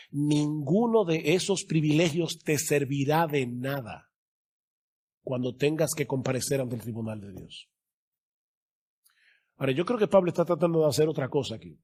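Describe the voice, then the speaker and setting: A male pastor preaching a sermon, stressing key words by slowing down and growing louder. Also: fairly high pitch.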